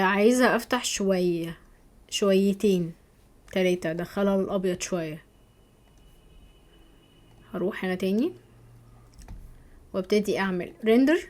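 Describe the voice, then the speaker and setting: An Egyptian woman teaching a software course over a screen recording, chatty, often checking in with her viewers. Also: mid-range voice. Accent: Egyptian Arabic. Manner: chatty, keeps asking "تمام؟", thinks aloud while clicking.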